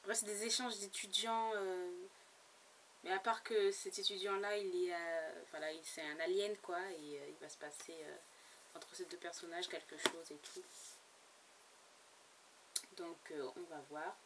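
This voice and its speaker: Her voice fairly low and steady, a woman unhurriedly talks through her recent book purchases in a casual vlog, pausing often. As a book blogger she hesitates, filling gaps with fillers and restarting sentences. Faint background noise and a slightly distant mic are audible.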